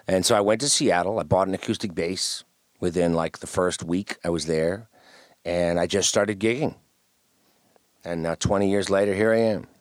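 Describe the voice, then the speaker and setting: A low-voiced man chats easily as a guest, rambling through stories and often starting sentences over. His voice sits close and dry on the mic, with no room sound around it. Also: moderate pace, dry recording. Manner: relaxed, rambling storyteller with many restarts. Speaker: guest musician. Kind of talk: casual interview chat.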